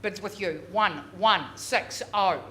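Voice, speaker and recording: A woman working as a real estate auctioneer, calling bids live with drawn-out repeated figures and chatty coaxing of bidders. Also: mid-range voice, pushed and bright. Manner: drawn-out, repeated bid calls. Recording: noisy live auction room.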